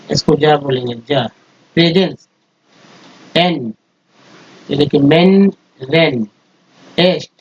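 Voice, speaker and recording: Husky man slowly sounding out English words. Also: fairly high pitch. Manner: sounds out word parts slowly, then blends them into whole words. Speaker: English teacher. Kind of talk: spoken phonics lesson over slides. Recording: dull lo-fi recording.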